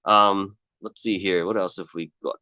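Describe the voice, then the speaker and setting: A man's voice: low-pitched, fairly even intonation, normal speed, bright, forceful tone, no room sound, highs cut off. A tired man hosting a live stream outdoors, chatting casually in a rambling way and greeting viewers by name. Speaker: paranormal show host. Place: outdoors on hills.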